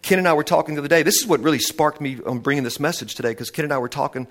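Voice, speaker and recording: Male preacher, excited storytelling sermon delivery with lots of restarts. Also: fairly high pitch, racing. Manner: animated storytelling with many restarts.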